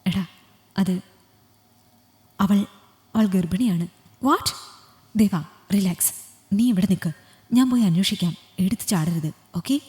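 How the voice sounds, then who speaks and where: A woman's voice: mid-range voice, unhurried, long pauses, dark tone, natural voice. A woman voicing a loyal, protective male friend who speaks in an urgent, reassuring way. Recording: long hall reverb.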